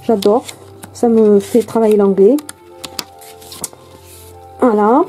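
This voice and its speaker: A woman's voice: medium pitch, fairly even intonation, takes it slowly, dark tone, soft background music, poor audio. A woman from France chatting casually and hesitantly while unboxing a card deck, with many fillers and restarts. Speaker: tarot and oracle card vlogger.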